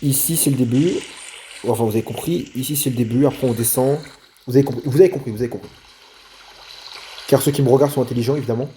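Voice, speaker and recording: A man narrates his own moves while he plays a video game, thinking aloud and joking with his viewers. His voice sits at a mid pitch and comes through a desktop mic with a faint hum behind it. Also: fast talker, pauses often, warm tone. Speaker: gaming video creator. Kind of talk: let's play commentary.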